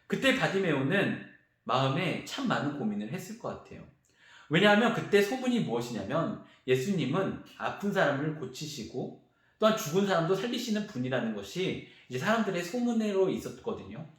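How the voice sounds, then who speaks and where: A male youth pastor preaching a sermon to teenagers, telling the story with animated energy and acting out the voices of the crowd and the beggar. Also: fairly high pitch, fairly quick. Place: large church sanctuary. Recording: very echoey church hall.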